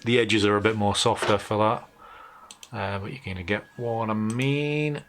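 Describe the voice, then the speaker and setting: Hosting a live photo-editing tutorial, a Northumbrian English man talks informally and thinks aloud while he works. He speaks a little slowly in a fairly low, steady voice, and keyboard and mouse clicks come through clearly in the background.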